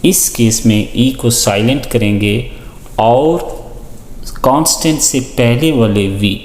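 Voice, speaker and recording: Male teacher, slow and measured delivery, lesson with on-screen examples, reverberant echoey room. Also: medium pitch, darkish tone, a little hiss or hum. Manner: deliberate, listing and repeating example words.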